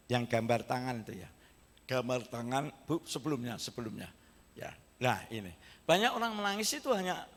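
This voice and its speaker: A man's voice: a little high, fairly bright tone. A male pastor preaching a sermon in a church, telling the story vividly and acting out the quotes. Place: church sanctuary. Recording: echoey church hall.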